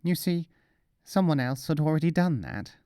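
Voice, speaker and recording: A man voicing a wily, self-satisfied mullah from a folk tale, speaking deliberately and matter-of-factly. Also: on the high side, animated, dark tone, clear, resonant tone, no room sound, studio quality, pitched above the performer's own voice. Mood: boastful, sly.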